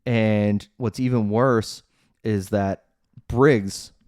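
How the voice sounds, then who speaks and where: A man's voice: on the low side, steady tone, very slow, darkish tone, no room sound, studio quality. A man hosting a podcast, recapping a movie in a sarcastic, chatty way with many fillers. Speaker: podcast host.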